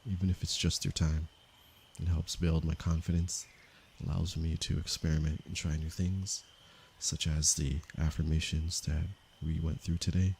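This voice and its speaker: A man from Canada, a meditation teacher, speaking softly and unhurriedly to viewers of his livestream. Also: rumbling low, flat delivery, creaky, slight background noise. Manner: slow, soft-spoken and unhurried, with pauses. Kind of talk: calm livestream talk to viewers.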